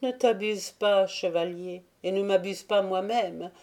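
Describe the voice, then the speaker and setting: Read by a woman in an audiobook performance, a grieving young noblewoman laments her fate. The voice is soft, mellow and mournful, hushed and sorrowful, mid-range and measured, close to how she might speak every day.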